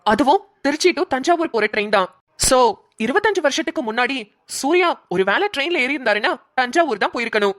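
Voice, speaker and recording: A woman voicing a young male police colleague who reports briskly in a businesslike way, for a cartoon. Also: sits high, animated, fairly bright tone, no room sound, studio quality. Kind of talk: cartoon voice acting.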